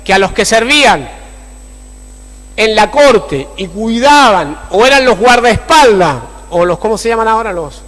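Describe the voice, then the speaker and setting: A man delivers a sermon in a very high, bright, forceful voice. He is animated and keeps asking his congregation for agreement. The sound rings with the long reverb of a church hall. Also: unhurried. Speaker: pastor.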